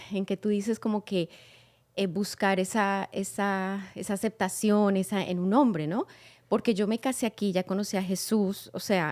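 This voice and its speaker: A woman shares a personal testimony as a guest, in a mellow, dark-toned voice. The sound is dry and close. She tells her story in a lively way and acts out her own past words. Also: mid-range voice, no echo.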